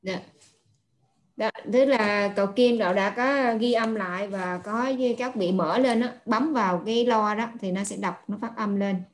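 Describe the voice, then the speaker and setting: A woman, a Buddhist nun patiently explaining pronunciation in an online lesson, with many pauses and filler sounds. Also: medium pitch. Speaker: Buddhist nun teaching Pali.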